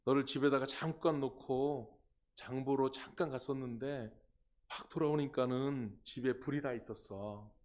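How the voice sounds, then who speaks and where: A soft, calm mother, as a pastor puts her on. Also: mid-range voice, normal speed, natural voice. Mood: gentle. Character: gentle, scarred mother calmly explaining to her son.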